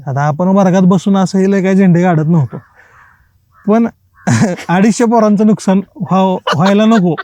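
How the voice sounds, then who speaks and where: A man, a writer and podcast guest, telling lively college anecdotes in a casual interview, acting out the dialogue in colloquial speech and laughing often. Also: sits high, normal speed, no echo.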